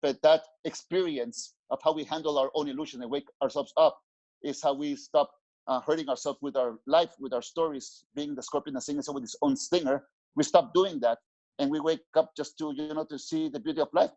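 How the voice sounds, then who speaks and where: His fairly high, darkish voice moves a little fast with fairly even intonation. The speaker, a middle-aged spiritual teacher from Mexico, is an interview guest in a small home room, talking earnestly and reflectively through a headset on a video call and often restarting, with dull, low-fidelity sound.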